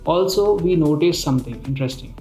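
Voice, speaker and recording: A man with an Indian accent narrates a travel vlog conversationally, like he is telling friends a story. His voice sits a little high with noticeable creak. It was recorded in a roomy space with echo. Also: lively intonation, fairly quick, darkish tone. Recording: roomy echo, music bed. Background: music.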